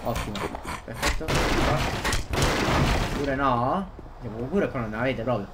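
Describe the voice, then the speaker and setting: A man, giving excitable gameplay commentary and often repeating his exclamations. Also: mid-range voice, a little slow. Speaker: gaming youtuber. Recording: loud background noise.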